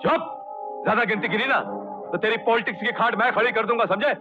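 An actor playing a bullying gang boss in an old Hindi film, talking in threats. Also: male voice, high voice, quick pace, natural voice. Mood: menacing. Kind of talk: 1990s Hindi film acting. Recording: dull old film soundtrack with music.

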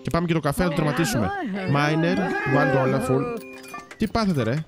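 A man's voice: on the high side, over loud music. A man giving casual let's-play commentary, chatting to viewers and teasing the game's characters. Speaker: gaming YouTuber.

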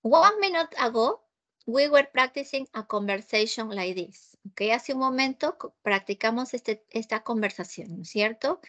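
Woman, Peruvian Spanish accent, English teacher, fairly high voice, patient, keeps checking in, video call. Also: animated, unhurried, fairly bright tone. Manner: patient, repeats and checks understanding with frequent "ok?". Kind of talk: online class, mixing Spanish and English.

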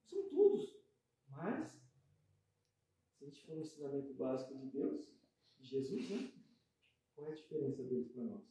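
A man with a Brazilian accent giving a spiritual lecture, conversational, with soft asides and loud emphatic bursts. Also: fairly high pitch. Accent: Brazilian Portuguese. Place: hall at a spiritist center. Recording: echoey hall.

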